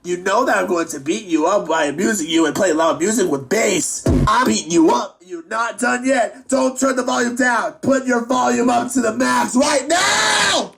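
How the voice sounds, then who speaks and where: A man voicing a furious man who yells threats and swears at a thief. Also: high-pitched, moderate pace, gravelly, hardly any pauses, music in the background. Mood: angry scolding. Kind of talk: amateur online drama.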